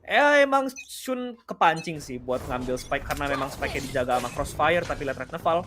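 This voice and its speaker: High-pitched Indonesian man announcing esports. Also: lively intonation, brisk, a bit bright, a little hiss or hum. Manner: dramatic phrasing, switches between Indonesian and English. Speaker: esports caster. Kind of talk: excited esports commentary, like a fighting game announcer. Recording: game gunfire and clicks behind voice. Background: gunfire and clicks from game.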